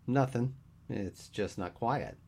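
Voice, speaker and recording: A man voicing a wry, deadpan young man who teases his friend in a dry way. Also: mid-range voice, slow, gravelly, breathy edge, pitched above the performer's own voice, exaggerated voice.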